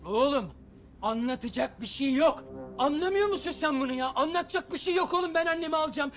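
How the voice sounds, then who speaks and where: A man's voice: very high-pitched, expressive, fast talker, fairly bright tone. An actor playing a desperate young man pleading to take his sick mother home, in a TV drama. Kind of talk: TV drama acting.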